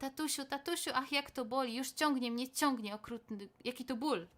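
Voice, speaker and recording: A woman voicing a frightened young boy who pleads urgently with his father in a high voice. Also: moderate pace, a bit bright.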